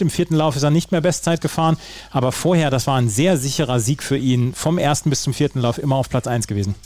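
A man's voice: mid-range voice, darkish tone. A man hosting a sports podcast, talking through results in fluent German with occasional fillers and restarts. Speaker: podcast host.

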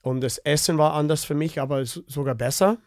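A man's voice: on the high side, fairly quick, dry recording, clean studio sound. A man in his fifties from Canada, speaking with a Canadian English accent and many fillers and restarts as a podcast guest. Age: 50s. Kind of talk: casual interview chat.

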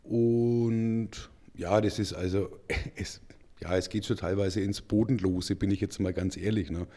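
A man's voice: on the low side, fairly even intonation, a little slow, warm tone. A middle-aged man co-hosting a German football podcast in casual chat, rambling and chatty with frequent fillers. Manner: rambling, chatty, says "ich sag mal" a lot. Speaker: podcast co-host.

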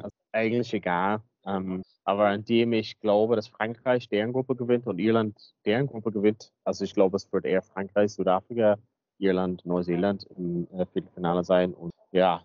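Man, low voice, rambling co-host, dry muffled low-quality sound. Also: no room sound. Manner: rambling, leans on fillers. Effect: low-quality, muffled recording. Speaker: podcast co-host. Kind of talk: casual chat.

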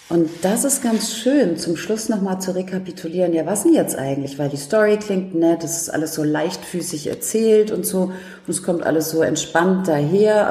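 A woman author and coach telling lively anecdotes in casual talk, acting out quotes with laughs. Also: on the low side. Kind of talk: casual storytelling in a talk show. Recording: roomy echo.

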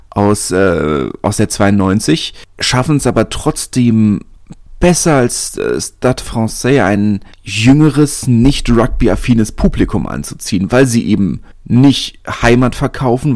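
A man with a slightly low voice hosts a podcast in easygoing spoken commentary. He thinks aloud, circling back and restarting phrases as he goes. The sound is dry and close, with no room echo. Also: a little mellow. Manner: chatty, thinks aloud, often restarts sentences. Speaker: podcast host.

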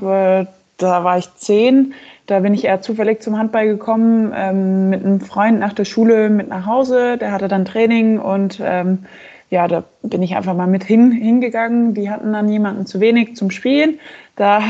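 A woman in her twenties from Belgium, a handball player answering interview questions in a relaxed, hesitant way with many fillers. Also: medium pitch. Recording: slightly muffled recording.

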